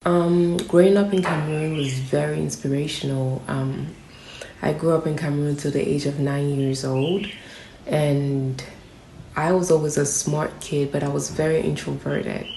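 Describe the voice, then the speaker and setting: A young woman from Nigeria, a rapper, answering interview questions in a steady, reflective way that becomes emphatic on strong opinions. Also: sits low, normal speed, gravelly, slight background noise. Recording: roomy echo with faint background ambience.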